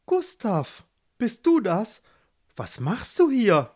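A man voicing a gentle, sweet young woman in a fairy tale. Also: high-pitched, huge pitch swings, takes it slowly, pitched above the performer's own voice, heavily acted. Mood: surprised.

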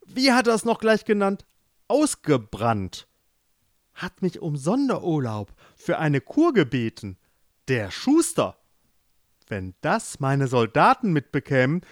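A man's voice: a little high, dry recording, studio quality, pitched above the performer's own voice. A man playing a blustering, exasperated king. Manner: shouting, exasperated. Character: irritable blustering middle-aged king.

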